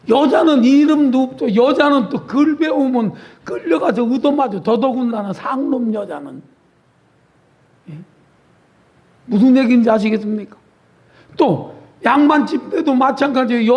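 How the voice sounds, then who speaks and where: High-voiced pastor with a Chungcheong lilt. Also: male voice, a little mellow, muffled recording. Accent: Chungcheong dialect. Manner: folksy, teasing congregation members by name. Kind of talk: sermon. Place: church sanctuary.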